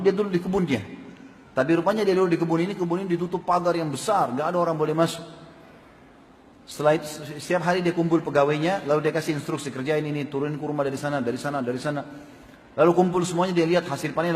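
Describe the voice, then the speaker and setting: A male preacher giving a sermon, telling stories in an animated way and questioning the audience. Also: a little high, racing. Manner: animated storytelling with questions to the crowd. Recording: long hall reverb.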